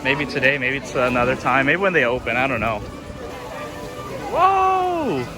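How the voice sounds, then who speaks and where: A male theme park vlogger gives casual walk-through commentary. He exclaims readily at what he sees. Loud music plays around him as he goes. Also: mid-range voice, fairly even intonation, fast. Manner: wowed, exclaiming at sights.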